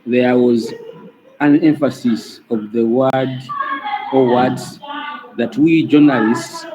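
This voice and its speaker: A man with a Ugandan English accent, a student speaking up in an online class, slow and deliberate with long pauses. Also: mid-range voice, fairly even intonation, noisy background. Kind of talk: class discussion. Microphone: video call.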